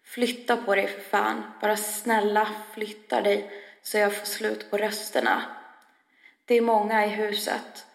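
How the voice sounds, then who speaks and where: A woman giving a slow, heavy first-person spoken-word reading. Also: mid-range voice, flat delivery, vocal fry. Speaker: reader. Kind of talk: scripted spoken-word narration. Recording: echoey room with long reverb.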